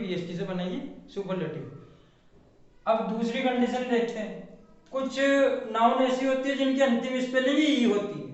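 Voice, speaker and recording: A man teaching grammar rules in a classroom style, spelling out words letter by letter and asking questions he answers himself. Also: sits high. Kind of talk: classroom explanation. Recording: echoey, distant, dull room sound.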